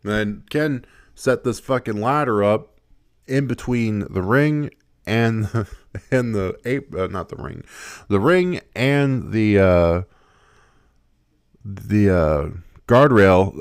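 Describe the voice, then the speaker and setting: A man's voice: on the low side, clear, resonant tone. A man giving casual gameplay commentary, swearing a lot, laughing often and rambling with restarts. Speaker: gaming video creator.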